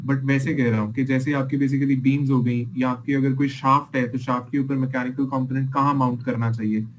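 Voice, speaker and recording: A man's voice: mid-range voice, little pitch movement, a little fast, slight background noise, poor audio. A man teaching a class as an engineering lecturer, explaining experiment videos patiently and checking in with his students often.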